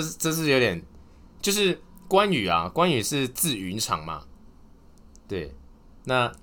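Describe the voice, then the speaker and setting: A man talks alone on his podcast, his pitch jumping up and down a lot. His voice is bright and forward. He moves from sincere advice to corny jokes that he laughs at himself. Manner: earnest advice, then telling corny jokes and laughing at them. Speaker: podcast host. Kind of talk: casual solo podcast talk.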